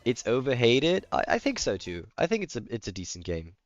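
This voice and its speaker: Here a German-accented man, German by birth, plays a game on stream and answers comments from viewers in a relaxed, chatty way. His mid-range voice swings hugely in pitch at a brisk clip. The lo-fi recording carries faint music in the background.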